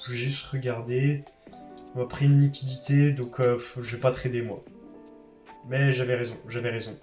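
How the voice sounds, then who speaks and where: A young man in his late teens chats loosely as he works through trading charts, full of fillers and self-mocking asides. His voice sits at an ordinary pitch and rings in a roomy space. Faint guitar music plays behind him. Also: darkish tone. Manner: rambling, self-deprecating, many fillers. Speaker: trading vlogger. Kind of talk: casual chat while backtesting charts.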